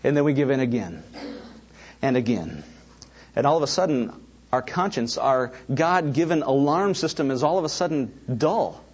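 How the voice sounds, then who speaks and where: Animated husky-voiced male pastor preaching. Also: medium pitch, normal speed, lo-fi sound. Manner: animated storytelling with asides to the congregation. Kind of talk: sermon with personal stories.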